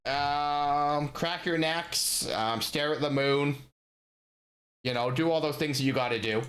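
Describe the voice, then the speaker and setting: A man's voice: a little high, slow, a bit bright. A young man from Western Canada giving casual live commentary as a game streamer, hesitant, with frequent ums and dry asides.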